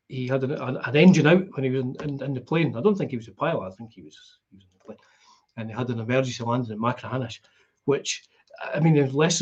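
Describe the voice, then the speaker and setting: A middle-aged man with a broad Scottish accent and a husky voice, chatting casually and in a rambling, conversational way as he hosts a live stream. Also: mid-range voice, darkish tone, lo-fi sound. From Scotland. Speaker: guitar vlogger hosting a live stream. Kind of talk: casual chat.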